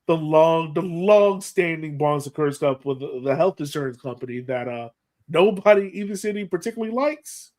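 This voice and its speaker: An American-accented sports podcast co-host chats casually, animated and self-deprecating, often thinking out loud. His voice sits on the high side, at a normal speed.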